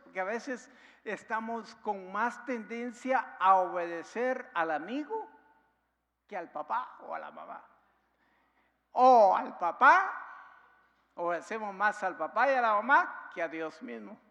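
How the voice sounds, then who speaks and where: A man preaching a sermon as pastor, emphatic, with rhetorical questions to the congregation and loudness that rises and drops. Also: sits high, big-room sound. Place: church sanctuary.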